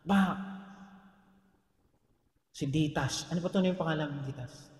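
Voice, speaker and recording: A man with a Filipino accent preaching a sermon as pastor, animated and joking, often asking the congregation questions. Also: a little high, measured pace. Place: church hall. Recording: echoey hall reverb.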